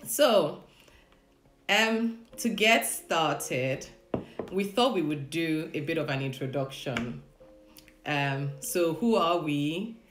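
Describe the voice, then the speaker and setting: Her voice is low and expressive, and she speaks slowly in an echoey room with faint music in the background. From a room in her home, this woman hosts a relaxed livestream with her husband, welcoming viewers, laughing frequently and leading a prayer.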